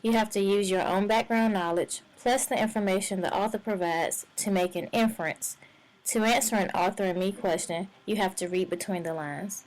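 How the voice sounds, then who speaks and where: A woman teacher giving instructional narration in a clear, measured way. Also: medium pitch, poor audio.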